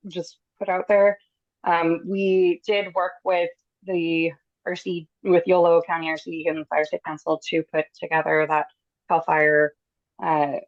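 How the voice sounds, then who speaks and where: A woman giving a businesslike meeting update over a video call, with a spotty, breaking-up connection and frequent "um" pauses. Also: lowish voice, no room sound. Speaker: conservation district staff giving an update. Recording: dry, muffled video call audio.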